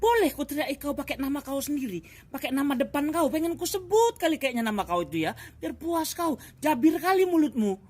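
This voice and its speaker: A man's voice: very high-pitched, lively intonation, fairly quick. A man, a comedian in a comedic Q&A rant who answers viewer questions with exasperated, mock-angry scolding.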